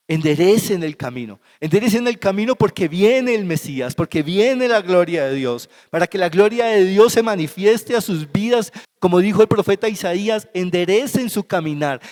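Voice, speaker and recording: A man's voice: high-pitched, darkish tone. A man with a Colombian Spanish accent preaching a sermon as pastor, emphatic and repetitive in his delivery. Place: church sanctuary. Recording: long church hall reverb.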